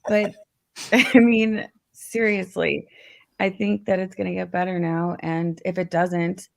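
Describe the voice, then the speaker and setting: A woman hosts a loose online chat show with a gravelly, rough-edged voice that sits on the low side. She talks bluntly, swears freely and laughs a lot. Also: flat delivery, takes it slowly. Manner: blunt, profane, laughing often. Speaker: host. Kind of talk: casual livestream chat.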